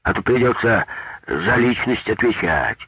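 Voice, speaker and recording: A man's voice: medium pitch, a little slow, gravelly, slight background noise, voice pushed up. Man playing a grumbling gray-haired foreman. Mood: defensive. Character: gray-haired, defensive road-works foreman. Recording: dull lo-fi dry recording.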